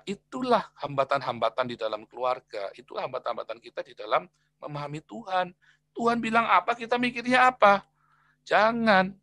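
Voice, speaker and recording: Man, pastor, sermon, bright forceful voice, dry close sound, loud-soft swings. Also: high voice, no echo. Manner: animated, swings between soft asides and loud exclamations; colloquial, repeats phrases for emphasis.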